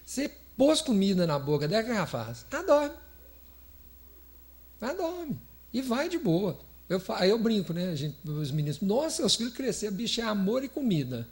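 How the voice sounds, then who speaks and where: His voice is high and very animated, moving fairly quickly with few pauses. The Brazilian man is lecturing on spiritism in a chatty, joking way at a spiritist center's lecture hall, laughing a lot and asking his listeners questions.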